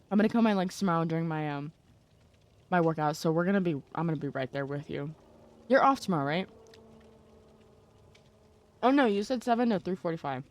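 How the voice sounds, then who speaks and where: A woman's voice: on the low side, no echo. A young adult woman streaming live, chatting casually with her chat while gaming and greeting viewers by name.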